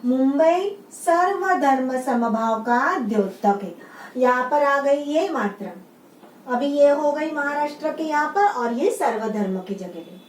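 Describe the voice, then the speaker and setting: A woman schoolteacher with a high voice leads young children through a lesson. She says each word slowly, repeats it, and keeps asking the class to say it back. The sound is roomy and distant, as if the mic sits well away from her. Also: lively intonation. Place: room with a writing board. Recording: roomy sound, mic set far off, faint background hum.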